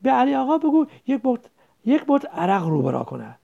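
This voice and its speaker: A man's voice: very high voice, huge pitch swings, vocal fry, highs cut off, voice pushed up, full character voice. A man voicing a proud, irritable man who answers curtly and testily. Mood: dismissive. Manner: curt, irritable.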